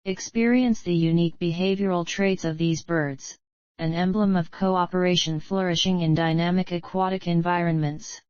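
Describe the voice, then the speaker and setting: A woman's voice: fairly low pitch, steady tone, moderate pace, a little mellow, dry recording, lo-fi sound. A woman reading polished, explanatory nature documentary narration from a script.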